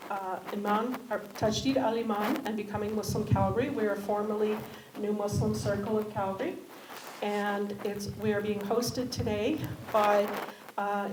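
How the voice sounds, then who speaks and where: Hesitant woman moderating in an echoey hall. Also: medium pitch. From Canada. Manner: hesitant, many fillers. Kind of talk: moderating a community panel. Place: community centre hall. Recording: echoey hall with background noise.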